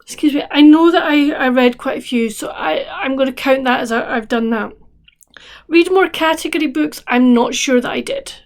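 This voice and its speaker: Tired lady, high voice, rambly book vlog chat with lots of ums. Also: brisk, hardly any pauses. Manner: chatty, rambling with many restarts and fillers. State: tired, yawning. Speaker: book vlogger. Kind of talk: casual chat to camera.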